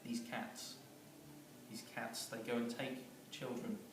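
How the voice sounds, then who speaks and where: Man spinning a rambling comic tale. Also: mid-range voice. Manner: rambling, chuckling, with many fillers and restarts. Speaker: storyteller. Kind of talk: comic improvised storytelling. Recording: echoey room, far from mic, noisy.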